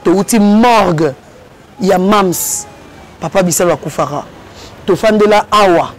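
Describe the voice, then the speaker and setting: A man's voice: high voice, unhurried, a little hiss or hum. A man animatedly telling a story as a guest in a casual interview. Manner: lively, switches between Lingala and French.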